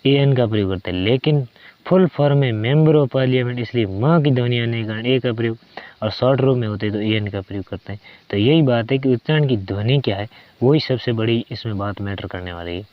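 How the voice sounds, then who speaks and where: A man's voice: medium pitch, no echo. A man teaching an English grammar lesson in Hindi, stretching out each example word as he explains it. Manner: slow and deliberate, drawn-out example words. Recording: dry, dull lo-fi sound.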